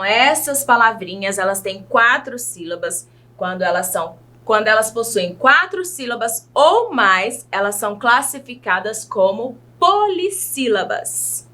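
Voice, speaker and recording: This is a children's lesson led by a Brazilian teacher whose voice is high and lively. Her delivery is very slow and patient, with deliberately exaggerated pronunciation, and she keeps asking the young learners questions.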